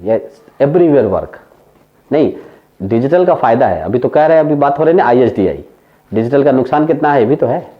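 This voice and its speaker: Speaking in an expressive, mid-range voice at moderate speed, an Indian-accented economics teacher mixes Hindi and English in a classroom lecture. He tells stories and laughs at his own anecdotes, and the audio sounds dull.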